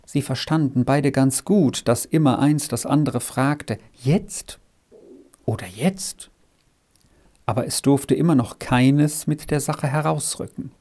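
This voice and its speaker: A man's voice: medium pitch, steady tone, unhurried, hardly any pauses, a little mellow. Man reading a children's story. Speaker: narrator. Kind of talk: audiobook reading.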